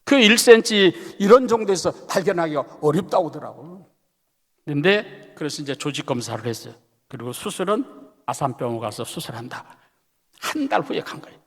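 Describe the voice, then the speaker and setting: A man's voice: on the high side, expressive, normal speed, fairly bright tone. A man preaching a Sunday sermon as pastor. He tells a story animatedly and keeps checking in with the congregation. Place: church sanctuary. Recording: long church hall reverb.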